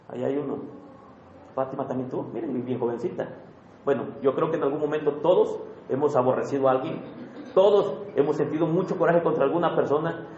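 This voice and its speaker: Male preacher, high-pitched, chatty questioning sermon, dull roomy church recording. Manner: conversational preaching, asks the congregation questions. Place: church hall.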